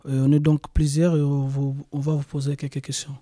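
Man as hesitant radio-workshop interviewer; slightly high, bright timbre. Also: monotone, brisk, no echo, clean studio sound. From DR Congo. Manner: hesitant, many fillers and restarts.

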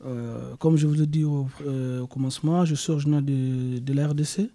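A man's voice: mid-range voice, steady tone, normal speed, warm tone, no room sound. A man from DR Congo, interviewing hesitantly with many fillers for a radio workshop.

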